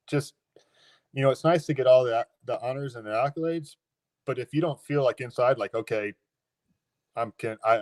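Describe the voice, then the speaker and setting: A man in his thirties, a former baseball catcher, talks in a casual remote interview. He speaks reflectively and haltingly, with frequent restarts. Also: mid-range voice, darkish tone, no room sound.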